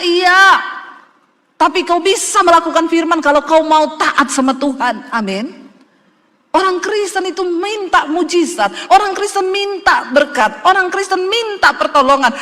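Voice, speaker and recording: A woman's voice: very high voice, bright, forceful tone. Woman, middle-aged, pastor, emphatic conversational sermon, long hall reverb. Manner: emphatic, conversational preaching that addresses the congregation directly.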